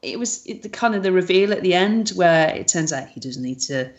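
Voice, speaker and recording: A woman's voice: lowish voice, animated, a little fast, lo-fi sound. A woman in casual podcast chat, who talks hesitantly with many ums and uhs. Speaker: podcast co-host.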